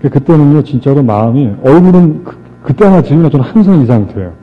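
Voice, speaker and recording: A man's voice: on the high side, quick pace. Man telling his story on stage, tinny. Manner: animated, re-enacts dialogue and jokes with the crowd. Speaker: motivational speaker. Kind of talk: storytelling speech to an audience. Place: stage before a live audience. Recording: tinny lo-fi archive recording with faint music.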